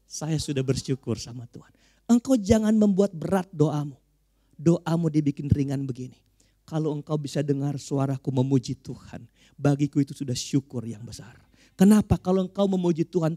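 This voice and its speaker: A male pastor from Manado preaching a Pentecostal sermon. He swings from low, quiet phrases to loud shouting, with frequent hallelujahs. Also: no echo, studio quality. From Manado, Indonesia.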